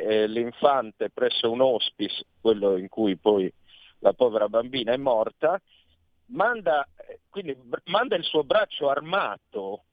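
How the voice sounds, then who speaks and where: A man speaking as a guest commentator over a phone line, arguing earnestly and pausing often with fillers. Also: mid-range voice, no echo. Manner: earnest, argumentative, pauses with many fillers. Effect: heard over a phone line. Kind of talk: radio talk interview. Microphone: telephone.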